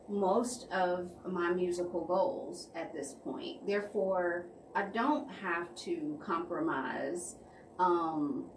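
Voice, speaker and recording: A woman who is a guest R&B artist, speaking in a hesitant way with many pauses and ums. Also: on the low side, distant mic, a little hiss or hum. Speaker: guest R&B artist and show co-host. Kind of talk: casual podcast conversation. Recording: echoey room, set back from the mic.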